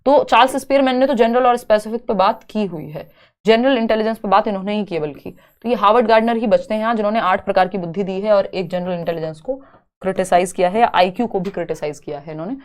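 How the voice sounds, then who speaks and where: A young woman with a medium-pitched voice teaches an exam-prep lecture. She reads each English question slowly, then explains it step by step, asking her own questions and answering them.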